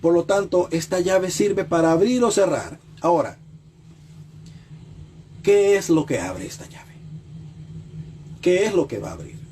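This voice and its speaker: A man delivers a sermon in a mellow, warm voice pitched a little high for a man. He repeats key phrases and puts rhetorical questions to the listener, and he drops low and slow on solemn lines. Faint noise hums behind him. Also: animated. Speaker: preacher.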